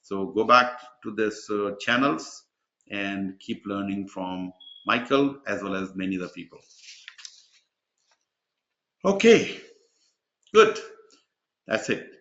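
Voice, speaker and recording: A man with a low, animated, slightly bright voice hosts a webinar as an exam mentor, speaking slowly and pausing often. His delivery is rambling and filler-heavy. The video call recording is dull and echoey.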